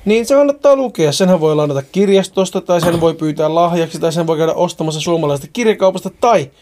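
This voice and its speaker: A man's voice: fairly high pitch, darkish tone. A man hosting a podcast, chatting casually and joking while reading listener mail. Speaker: podcast host. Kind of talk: casual chat.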